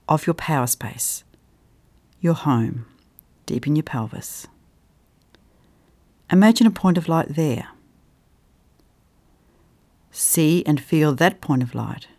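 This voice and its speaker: A meditation guide speaking at a very unhurried pace, leaving long pauses between short phrases. The voice sits at a middle pitch and stays soft and calm, now and then sinking into a gentle whisper.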